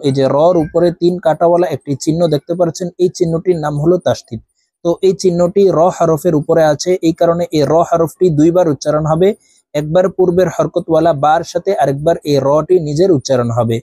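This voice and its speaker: A man teaching a reading lesson, spelling out syllables one by one and drawing recited words out slowly. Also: fairly high pitch, steady tone, warm tone, dry recording.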